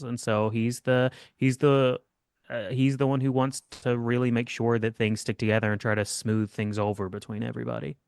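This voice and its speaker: A man's voice: medium pitch, gravelly, clear, resonant tone, dry recording, studio quality. A man chatting casually at a tabletop game, joking and rambling about his character. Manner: joking, rambling, self-deprecating. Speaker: player.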